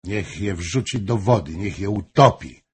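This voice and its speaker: A man's voice: sits low, animated, measured pace, a little mellow, breathy edge, exaggerated voice. A man voicing a jealous, raging royal mistress. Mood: vengeful. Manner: impassioned, accusing outbursts.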